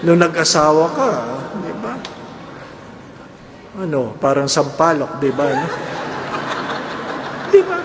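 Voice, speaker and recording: A priest giving a humorous homily, keeping the congregation involved with constant questions back to them. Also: male voice, on the high side, takes it slowly, long pauses, noisy background. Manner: animated, jokes, keeps asking the congregation "di ba?". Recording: echoey church hall with faint ambience.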